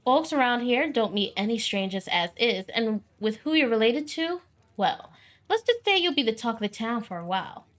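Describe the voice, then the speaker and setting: A woman's voice: a little high, lively intonation, moderate pace, fairly bright tone. A woman voicing a friendly, chatty small-town young woman with a folksy, theatrical manner. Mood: teasing.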